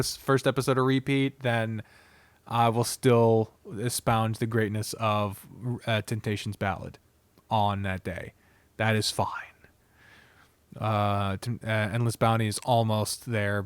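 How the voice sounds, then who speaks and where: A man hosts a casual, unscripted video reviewing visual novels, in a medium-pitched, clean voice with no room sound. He talks bluntly and expressively, swearing often and drifting into rambling asides.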